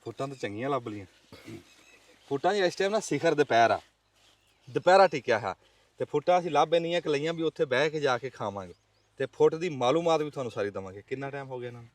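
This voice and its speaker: A man's voice: mid-range voice, expressive, fast, no echo. A man with a rural Pakistani Punjabi accent hosting a vlog, chatting casually with farmers and explaining things with repeated points for emphasis. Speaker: vlog host. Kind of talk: casual outdoor interview chat with farmers. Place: outdoors in a farm field.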